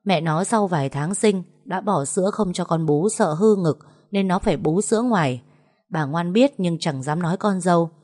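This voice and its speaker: A woman narrating a family story in a steady, measured storytelling manner. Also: fairly low pitch.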